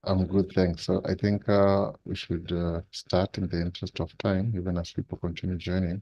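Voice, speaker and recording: A man's voice: deep voice, flat delivery, moderate pace, dark tone, breathy edge, dull audio. A man hosting an online webinar, giving a formal introduction of the speaker over a video call, with speech-like, repetitive phrasing. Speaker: webinar host.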